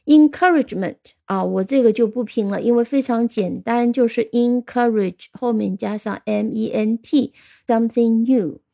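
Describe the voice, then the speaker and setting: A woman's voice: on the high side, steady tone, a little slow, creaky, warm tone. A woman teaching English vocabulary, patiently explaining and spelling words out letter by letter, with frequent fillers. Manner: frequent fillers, switches between Chinese and English. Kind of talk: spoken vocabulary lesson.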